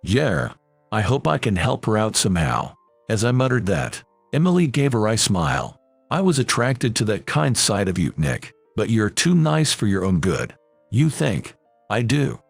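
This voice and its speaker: A man's voice: fairly low pitch, very animated, moderate pace, vocal fry, slightly rough, dry recording, faint music behind. A man reading a first-person drama story aloud as narrator, voicing every character in the same plain voice.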